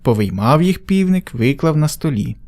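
A man reading a folk tale aloud as a storyteller, in an animated, expressive way. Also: fairly high pitch, moderate pace.

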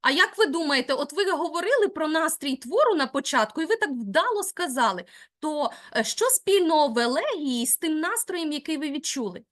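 A woman teacher with a high, bright voice leads a classroom lesson. She guides her students patiently and praises their answers. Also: expressive, fairly quick. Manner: encouraging, guiding students step by step.

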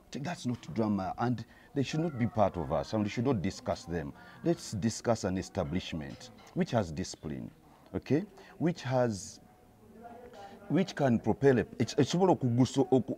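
A Ugandan theatre actor in his forties gives an outdoor street interview by an orange door, mixing Luganda and English into a handheld reporter mic. His voice is on the low side and warm, very animated at normal speed, and he lectures emphatically, sometimes rising to heated bursts.

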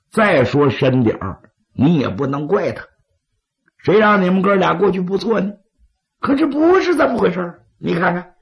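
A man, as a dramatic storyteller, voicing a scheming, vindictive bandit lieutenant, persuasive and gravelly. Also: high-pitched, voice pushed up, full character voice. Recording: slightly dull, lo-fi audio.

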